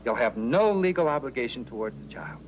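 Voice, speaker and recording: A slick, persuasive recruiter, played by a man, selling an offer slowly and smoothly in a 1980s TV drama. His voice sits at a middle pitch, with a faint hiss in the background. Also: animated, close to an everyday voice, poor audio. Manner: persuasive, oily, drawn-out. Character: smooth-talking male baby-racket recruiter. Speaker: baby racket recruiter.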